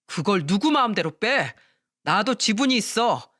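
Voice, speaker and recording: A woman's voice: mid-range voice, very animated, measured pace, fairly bright tone, no room sound, studio quality. A woman voicing a stingy, money-obsessed middle-aged husband who talks in a curt, dismissive way. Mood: scornful.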